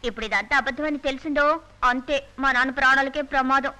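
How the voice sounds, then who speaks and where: An actress playing a worried young wife in a dubbed film drama, speaking anxiously and pleadingly. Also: female voice, high voice, quick pace, bright, forceful tone. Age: young adult. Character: worried young wife estranged from her father.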